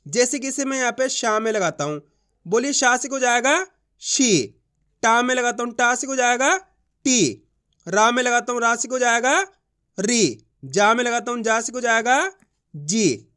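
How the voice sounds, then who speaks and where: A man's voice: very high voice, pushed and bright, smooth. Patient man sounding out syllables. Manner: slow, drawn-out syllable-by-syllable sounding out; repeats patterns and checks if students understand. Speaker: Hindi reading teacher. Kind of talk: online reading lesson.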